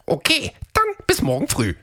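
In a children's audio story, a woman voices Fred, a fast and eager male dinosaur runner. She uses a high, excited voice.

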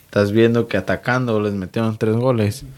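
A man's voice: fairly low pitch, steady tone, a little fast, darkish tone. A young man with a Mexican Spanish accent chatting casually about soccer, joking and swearing in heavy slang.

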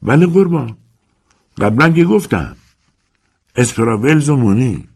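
A man voicing a shrewd, money-minded landlady in a high, brisk voice. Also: animated, creaky, darkish tone, slightly rough. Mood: matter-of-fact.

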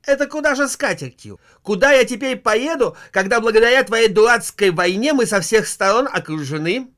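Brief: male reader doing a shrill, quarrelsome storybook wife, high and histrionic. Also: expressive, moderate pace, fairly bright tone. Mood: shrill nagging. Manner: scolding, whiny, histrionic. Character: shrill nagging middle-aged wife, quarrelsome.

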